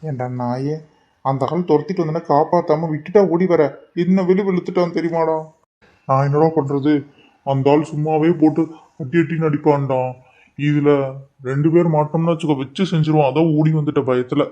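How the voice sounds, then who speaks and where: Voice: medium pitch, steady tone, fairly quick, warm tone, muffled recording, close to an everyday voice. Someone voicing a brash hot-headed cartoon lad. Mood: scolding. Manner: scolding, boastful, bickering. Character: brash young man, hot-headed and boastful. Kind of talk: cartoon voice acting.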